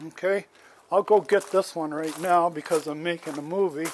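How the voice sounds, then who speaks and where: A homeowner in his seventies walks around his yard filming himself on a handheld phone, making an aggrieved, plain-spoken complaint that rambles and restarts. His fairly high voice is steady and at normal speed, with a little hiss or hum in the recording.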